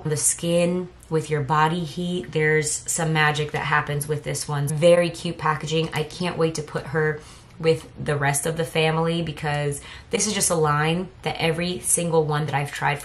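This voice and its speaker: A woman chatting casually through a fragrance haul review, rambling and correcting herself as she goes. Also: low-pitched. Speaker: fragrance vlogger. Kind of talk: casual product review chat.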